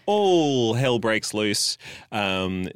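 A man with a low voice who recaps a film's story in a halting way, stumbling over words and filling pauses. It is a relaxed podcast chat, recorded close and dry. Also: clear, resonant tone, no echo. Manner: halting, many fillers and repeats while recapping plot. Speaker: podcast co-host. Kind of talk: casual film-review chat.

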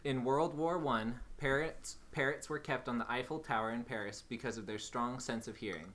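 A man's voice: medium pitch, fairly bright tone. Man reading trivia facts steadily. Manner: measured, reads facts aloud deliberately. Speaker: podcast co-host.

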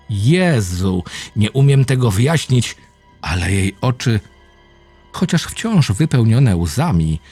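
A man reading a first-person horror story aloud, low and intense with dramatic swings. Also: warm tone, breathy edge. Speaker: narrator. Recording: faint music behind the voice.

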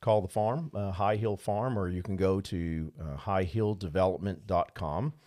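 A man is a guest on a podcast, talking eagerly and pausing with many fillers. His voice is very deep. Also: mellow. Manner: enthusiastic, halting with fillers. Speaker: guest, farm owner. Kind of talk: casual interview.

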